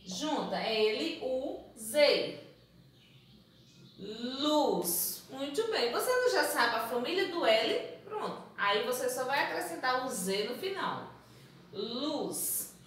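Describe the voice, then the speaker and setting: A woman teaches young children to read, drawing out each letter and syllable with slow, patient care and calling them her loves. Her voice sits high and sounds sharp and bright. It comes from a distance in a very echoey room, with faint noise underneath. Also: sing-song. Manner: patient, sounds out letters and syllables slowly, calls pupils "amores". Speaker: primary school teacher. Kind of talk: recorded phonics lesson for young children.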